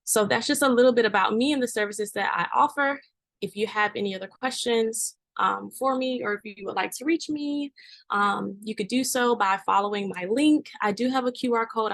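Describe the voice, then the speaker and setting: A woman presenting her small dance business at an open mic, pausing often with ums. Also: medium pitch, vocal fry, a bit bright, no room sound. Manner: hesitant, with many ums. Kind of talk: casual self-introduction.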